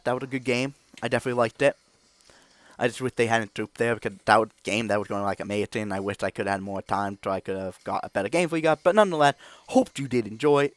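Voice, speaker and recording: A man hosting a gaming channel who gives rambling, filler-heavy video game commentary and gets excited and loud at times. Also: fairly low pitch, dry recording.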